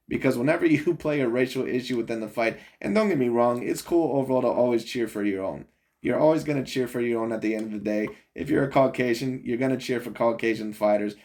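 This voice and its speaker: A man's voice: mid-range voice, a little mellow. A man giving casual opinion commentary on boxing while reviewing a video, rambling and chuckling between points. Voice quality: rambling, repeats "overall" and "in my opinion", chuckles often.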